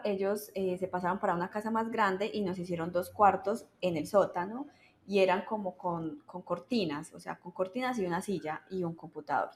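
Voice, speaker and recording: A young woman with a Colombian accent tells her story in a relaxed, chatty way. She slips into the voices of the people she quotes and keeps her telling lively. Her pitch sits in a middle range. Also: a little hiss or hum. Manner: animated, acts out quoted dialogue. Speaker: webcam model guest. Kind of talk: casual storytelling.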